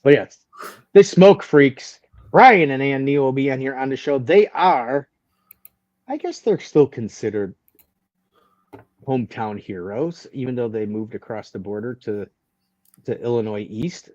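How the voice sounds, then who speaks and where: A man co-hosts a casual barbecue live stream over a video call, joking and rambling as he repeats phrases and makes show announcements. His medium-pitched voice is expressive and a little mellow, and he speaks unhurriedly with frequent pauses. There's no echo, but the stream audio is slightly dull and lo-fi.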